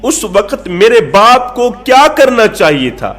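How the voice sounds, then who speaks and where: A man's voice: high voice, sing-song, fairly bright tone, faint music behind. A man doing a blunt young man arguing his case. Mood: defensive.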